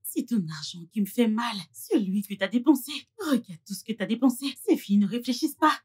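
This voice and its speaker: A woman's voice: animated, a little fast, a little mellow, husky, no echo, clean studio sound. A woman dubbing in French as a jealous, scheming young woman who mocks and betrays her best friend. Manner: mocking, shrill when screaming. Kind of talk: French film dub.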